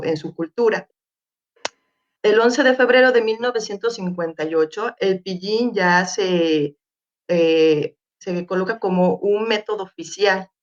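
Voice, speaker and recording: A woman's voice: lowish voice, muffled recording. A woman with a Mexican Spanish accent presenting slides at an academic forum, hesitant, with many fillers and restarts, over a video call.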